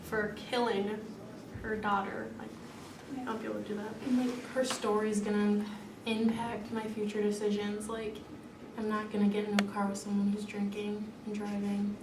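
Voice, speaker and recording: A woman's voice: medium pitch, completely flat delivery, moderate pace. A teenage girl, a student, reacting casually in an interview with many "like" fillers. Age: teens. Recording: roomy echo, distant mic, loud noise.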